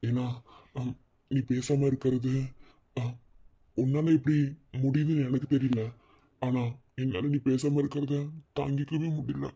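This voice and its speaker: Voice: mid-range voice, flat delivery, measured pace, creaky, pauses often, mellow, breathy edge. Someone voicing an anxious, pleading young husband. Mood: pleading, ashamed. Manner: earnest, pleading. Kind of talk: cartoon voice acting. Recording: muffled lo-fi sound.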